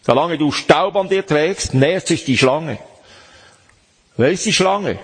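A man preaching a sermon, slow and emphatic, asking the listeners questions. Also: on the high side, lively intonation, slightly rough. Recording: long hall reverb.

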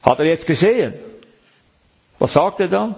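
A man's voice: on the high side, lively intonation, moderate pace, vocal fry, darkish tone, slightly rough. A man preaching a sermon, reading scripture aloud and explaining it to the congregation.

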